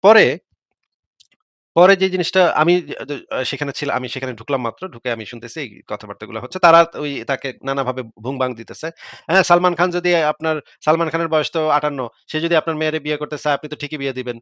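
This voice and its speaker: A man's voice: a little high, fast talker, a bit bright, clean tone, no room sound. A man hosting a heated live online debate, arguing his case and retelling arguments with rising emphasis. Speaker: debate host.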